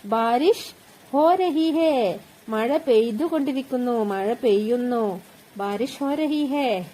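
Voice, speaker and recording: A woman's voice: fairly high pitch, slow pace, dark tone, slight background noise. A woman teaching spoken phrases, repeating each one and explaining it word by word. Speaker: language teacher. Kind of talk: teaching Hindi phrases with Malayalam meanings.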